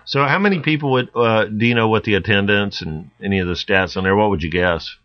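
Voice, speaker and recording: A man hosting a casual podcast chat, easygoing and quick to laugh. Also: lowish voice, dull audio. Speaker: podcast host.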